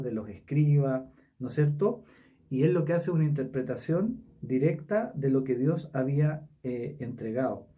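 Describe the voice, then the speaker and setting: A man with a Chilean Spanish accent leading a casual Bible study, talking haltingly with many fillers and tag questions. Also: a little high, dark tone, distant mic.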